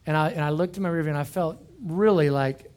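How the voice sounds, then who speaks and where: Animated youth pastor. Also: male voice, a little high, fast talker. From Oklahoma. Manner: animated, rambling, self-deprecating. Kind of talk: casual storytelling sermon to youth.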